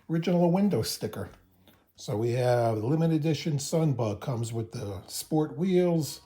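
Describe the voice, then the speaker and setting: A man's voice: medium pitch, warm tone. A man hosting a car restoration video, chatting casually and explaining each step while he works in a garage. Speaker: host of a car restoration channel. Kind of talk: casual hands-on how-to narration. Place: garage, working inside a car.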